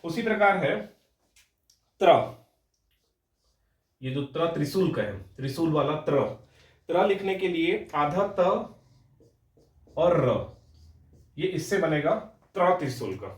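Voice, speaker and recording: A fairly high-voiced young man teaching an exam prep class, spelling sounds out patiently and checking in with students again and again. He sounds a little away from the mic, and the room gives his voice a noticeable echo. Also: expressive, takes it slowly, pauses often, distant mic. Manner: explanatory, repeats words, frequent "ठीक है?" check-ins. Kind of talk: Hindi grammar lecture.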